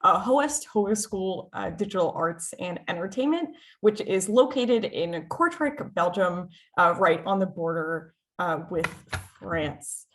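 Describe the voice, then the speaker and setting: An American woman presents her school on a video-call webinar, her voice on the low side and animated. She speaks a little slowly with hardly any pauses, staying upbeat and chatty while often using filler sounds and restarting sentences.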